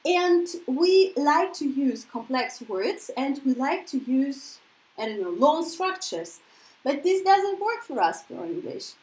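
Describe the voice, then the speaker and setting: A Russian-born woman with a Russian accent gives a casual spoken English lesson in a high-sitting, darkish voice, speaking slowly with big swings in pitch. She's chatty and keeps checking in with tag questions like "yeah?", and the audio is poor and reverberant.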